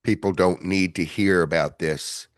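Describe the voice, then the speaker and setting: A man hosting a podcast in casual chat, rambling and self-deprecating, with a gravelly voice. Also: sits low, steady tone, unhurried, no echo, studio quality. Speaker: podcast host.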